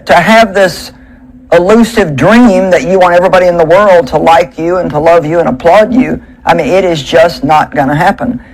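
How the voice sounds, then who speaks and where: A woman preaches at a pulpit microphone in a plain, conversational way. She presses her points with emphasis and pauses on rhetorical questions. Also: on the low side, rough recording. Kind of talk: sermon.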